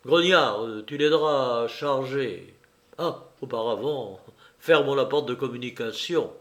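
A man reading an audiobook, voicing a cool, commanding gentleman burglar who gives brisk, ironic orders, a little higher and louder than his narration. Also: natural voice. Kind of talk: audiobook character voice.

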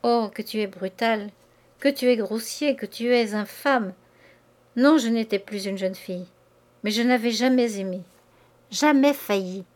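A woman's voice: on the high side, unhurried, darkish tone, natural voice. A woman reading a novel aloud, giving voice to an anxious older woman who pleads and implores. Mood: pleading. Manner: plaintive and imploring.

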